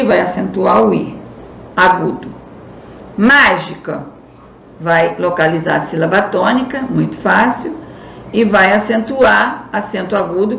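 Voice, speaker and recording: Gravelly-voiced Brazilian woman teaching a lesson. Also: medium pitch. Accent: Brazilian Portuguese. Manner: patient, explanatory, stresses key words. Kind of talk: recorded school lesson. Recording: echoey room, faint noise.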